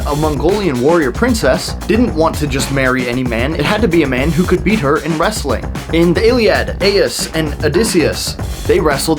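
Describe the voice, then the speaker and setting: Playful young man hosting a vlog. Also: a little high. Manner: playful, joking, quick asides. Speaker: video host. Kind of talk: casual vlog narration.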